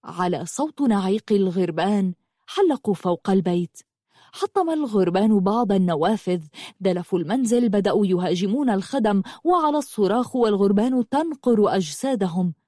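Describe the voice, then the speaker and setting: A woman narrating an audiobook in an expressive, dramatic reading style. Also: medium pitch, a little fast, no echo, studio quality. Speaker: storyteller.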